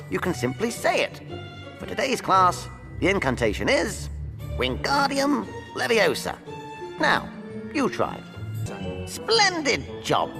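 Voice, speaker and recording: A man's voice: high-pitched, gravelly, exaggerated voice. A man playing a kindly elderly charms professor in a video game, cheery and encouraging as he teaches. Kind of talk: video game character acting. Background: loud game music.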